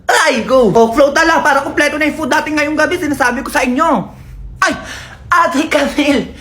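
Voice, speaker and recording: A woman's voice: high-pitched, brisk, fairly bright tone. A woman playfully teasing viewers by name as she hosts a comedic selling segment. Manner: teasing, playful, calls out names.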